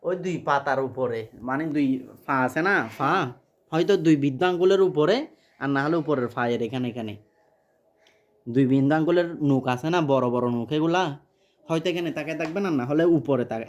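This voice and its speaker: A man teaching recitation and prayer one-on-one, patiently correcting his pupil and repeating phrases slowly. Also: mid-range voice, lo-fi sound.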